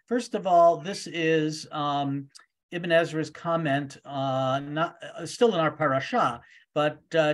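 A man leading a virtual Torah study group over a video call, animated and playful, acting out the voices in the stories he tells. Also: on the high side. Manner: animated, acts out voices in quotes.

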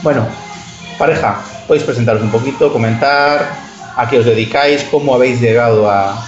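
A man from hosting an informal interview, halting and repeating phrases as he introduces his guests. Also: medium pitch. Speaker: radio show host. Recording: echoey, muffled, loud music behind.

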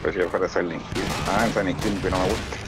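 A man's voice: sits low, fairly even intonation, quick pace, heavy background noise. A man with a Chilean accent chatting casually with a fellow gamer. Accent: Chilean Spanish. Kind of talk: casual chat. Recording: game gunfire behind. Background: war game sounds.

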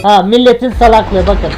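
A man's voice: high-pitched, poor audio. A man hosting a reaction video, chatting casually, laughing and singing along to clips. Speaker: YouTube reaction host.

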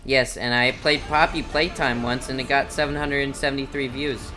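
A man's voice: medium pitch, fairly even intonation, fairly quick, over music. A young man streaming a game, chatting casually on a headset mic in a teasing, evasive way.

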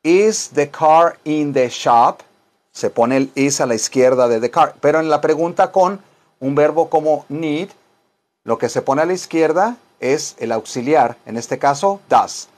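A man's voice: a little high, moderate pace, darkish tone. A man with a Mexican Spanish accent teaching English on a live stream, joking and rambling with his viewers. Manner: playful, rambling, teasing asides to viewers.

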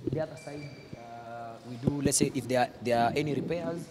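A man's voice: mid-range voice, brisk, over a noisy crowd. A man in his forties with a Kenyan accent, showing visitors around an electronics factory and explaining the machines in a casual mix of Swahili and English. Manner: mixes Swahili and English, points and gestures while explaining. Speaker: factory guide. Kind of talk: casual guided tour explanation. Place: large indoor electronics factory floor. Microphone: handheld mic held by interviewer.

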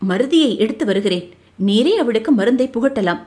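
A woman's voice: a little high, expressive, moderate pace, dark tone, lightly acted. A woman voicing a stern, menacing young male army commander in an audio novel, speaking with a cold threatening tone. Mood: commanding.

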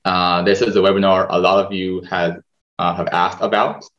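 A man, hosting a webinar over a video call in a relaxed manner with many fillers. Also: low-pitched, normal speed. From Israel. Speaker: webinar host, medical student. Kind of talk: presenting a webinar over slides. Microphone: video call webcam. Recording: dull video-call audio.

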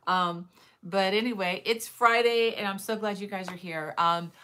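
A middle-aged woman hosts a crochet livestream from her indoor living room lined with bookshelves, chatting casually, greeting viewers by name and using many fillers. Her mid-range voice has a sharp tone and normal speed, with slight background noise.

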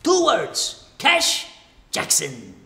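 A slick and evasive male talent agent in a web comedy. He blusters crudely, stammers and wheedles, with a very animated delivery that jumps up and down in pitch. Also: drawn-out words, full character voice. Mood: smarmy. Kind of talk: scripted comedy acting.

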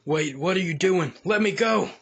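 A man voicing a moody, exasperated young hedgehog with a whiny, grumbling manner and husky voice in an improvised comedy dub. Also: high voice, moderate pace, full character voice.

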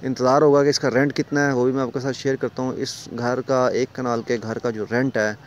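A man's voice: medium pitch, little pitch movement, fairly quick, slight background noise. Man with a Pakistani Urdu accent showing a house. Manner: salesy, keeps pointing things out to the viewer. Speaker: property dealer giving a house tour. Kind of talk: walking house-tour vlog. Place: large empty house, indoors and on stairs. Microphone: phone camera held while walking.

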